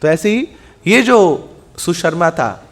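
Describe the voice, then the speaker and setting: A man preaching a scripture class in Hindi, telling the story in a lively way, acting out the dialogue, asking rhetorical questions and mixing in words. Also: fairly high pitch, slow. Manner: lively storytelling, acts out the gods' dialogue, mixes in English words; asks the audience rhetorical questions and answers them.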